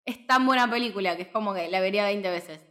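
A woman's voice: mid-range voice, fast talker. A woman in her twenties with a Rioplatense Spanish accent, co-hosting a film podcast and telling stories in casual, slangy chat. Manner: animated storytelling with laughter, slangy. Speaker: podcast co-host.

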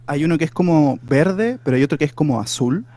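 Young chilean dude on a podcast, mellow tone, trips over his words. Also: on the high side, animated, slight background noise. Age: young adult. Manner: rambling, halting, playfully insistent. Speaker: podcast co-host. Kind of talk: casual comedic chat.

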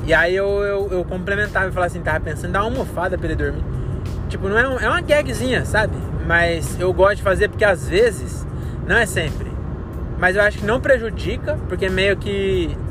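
A man's voice: high-pitched, animated, fairly quick, over music. A Brazilian man in his thirties rambling in slangy, casual style as he thinks aloud in a solo podcast recorded in a car. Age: 30s. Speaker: comedian and podcast host. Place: inside a car while driving.

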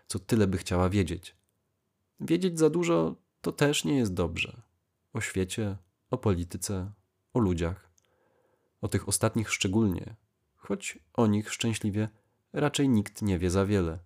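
A man with a fairly low voice reads a literary story aloud. His delivery is calm and measured, a steady storyteller's pace. It is a plain audiobook narration. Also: vocal fry. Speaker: audiobook reader.

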